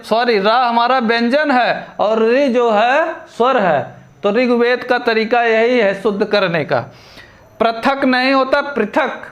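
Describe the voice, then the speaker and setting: A man teaching a spelling lesson for exam prep. He asks quiz questions, answers them himself, and repeats each word deliberately. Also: very high voice, fairly bright tone. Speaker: Hindi grammar teacher.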